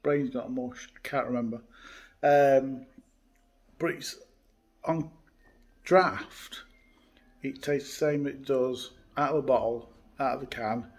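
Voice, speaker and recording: This man's voice sits in the mid range, and he speaks slowly with frequent pauses. Relaxed and chatty, he hosts an informal beer review full of "uh"s, captured close-up on a phone or webcam beside a window indoors in a hotel room.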